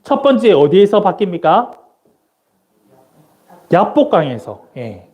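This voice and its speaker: A man delivers an interactive Sunday sermon in a church. His voice sits high and swings widely in pitch. He quizzes the listeners, then answers his own questions on the microphone. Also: very animated, takes it slowly, darkish tone, husky. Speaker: missionary preaching. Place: church sanctuary during a service.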